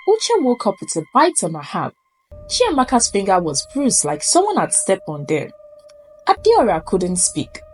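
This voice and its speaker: This low-quality recording has music playing under a mid-range female voice. She's a Nigerian storyteller, delivering an eerie folktale with theatrical suspense.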